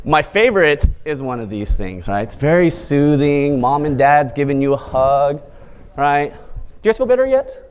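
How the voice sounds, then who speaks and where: A man's voice: fairly high pitch, normal speed. A man hosting a live event, giving an opening monologue in an upbeat, playful, conversational way. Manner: bright, upbeat event host. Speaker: event emcee and host.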